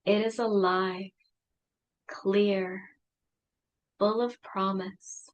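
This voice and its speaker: A woman leading a guided meditation, speaking softly and soothingly with long pauses. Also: medium pitch, steady tone, highs cut off.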